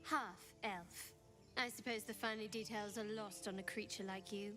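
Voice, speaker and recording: A woman's voice: mid-range voice, fairly even intonation, normal speed, bright, forceful tone, soft background music, lightly acted. An actress playing a distrustful half-elf woman in a fantasy game, with a dry, cutting manner. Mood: scornful. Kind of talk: fantasy video game acting.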